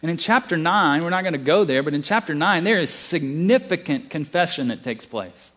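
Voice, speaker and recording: A man's voice: a little high, lively intonation, moderate pace, a bit bright. A man with a Southern US accent preaching a sermon, emphatic, with casual asides and restarts.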